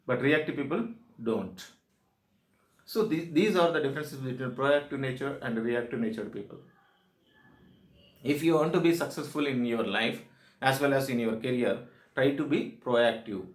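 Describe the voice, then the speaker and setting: A man with a South Indian accent giving an instructional presentation as a soft skills trainer, speaking emphatically in short, repeated declarative phrases. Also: mid-range voice, normal speed, long pauses. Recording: echoey room sound.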